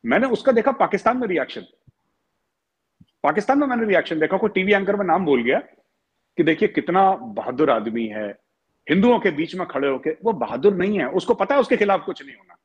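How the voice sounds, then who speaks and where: A man's voice: high voice, expressive, fast, slightly rough, muffled recording. A man on a TV debate panel, arguing hard and switching into English phrases now and then. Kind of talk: heated TV debate.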